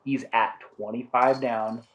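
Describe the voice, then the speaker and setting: A man's voice: mid-range voice, little pitch movement, measured pace, a bit bright, a little hiss or hum. A man giving casual golf-style play-by-play commentary as a disc golf commentator, supportive of the players.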